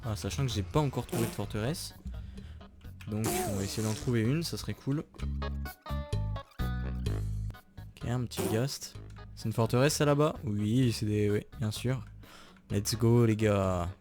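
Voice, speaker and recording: A young man giving chatty, excitable commentary while playing a video game and talking to his viewers. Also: lowish voice, a little slow, long pauses. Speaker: gaming YouTuber. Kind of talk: casual Minecraft let's play commentary. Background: background music.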